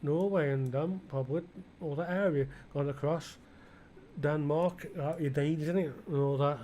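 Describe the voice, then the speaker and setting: British male gaming creator, slightly raised pitch, loose meandering commentary full of self-questions. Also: steady tone, normal speed, dark tone, slight background noise. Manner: musing aloud, asking himself questions, many restarts. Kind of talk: rambling flight-sim commentary.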